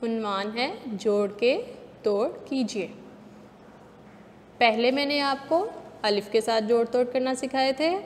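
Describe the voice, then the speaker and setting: A woman's voice: fairly high pitch, measured pace, long pauses. A woman kindergarten teacher with a Pakistani Urdu accent, patiently sounding out letters syllable by syllable in a spelling lesson for young children. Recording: long reverb, faint background noise.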